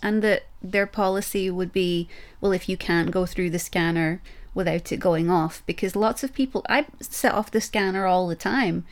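Relaxed podcast co-host, woman with a lowish voice, chatty explainer. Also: moderate pace. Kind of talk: casual chat.

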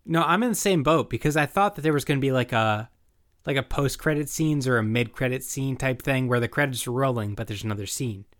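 A man's voice: medium pitch, brisk, a bit bright. A young man co-hosting a podcast in a casual, informal recap chat, given to swearing and paraphrasing dialogue. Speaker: podcast co-host.

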